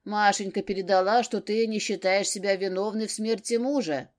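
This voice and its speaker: A woman reading an audiobook, voicing a gruff, commanding older father who barks his words. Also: medium pitch, fairly even intonation, normal speed, natural voice. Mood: stern. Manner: barking, stern.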